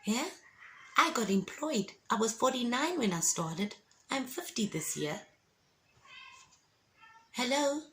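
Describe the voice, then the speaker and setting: A woman's voice: on the high side, expressive, slow, long pauses, a bit bright, a little hiss or hum. A woman, giving an emphatic, encouraging faith testimony in a casual vlog. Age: 50s. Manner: emphatic and encouraging, preachy asides.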